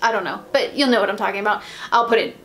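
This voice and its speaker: A woman's voice: mid-range voice, very fast, a bit bright. An American woman chatting casually about nail polish, rambling, with lots of ums and restarts. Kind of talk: casual haul chat.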